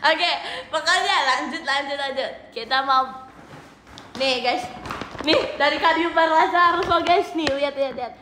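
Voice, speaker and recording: A woman's voice: high voice, moderate pace, sharp tone, reverberant, a little hiss or hum. A young woman with an Indonesian accent hosting an idol livestream, chatting casually, giggly and singsong, often laughing.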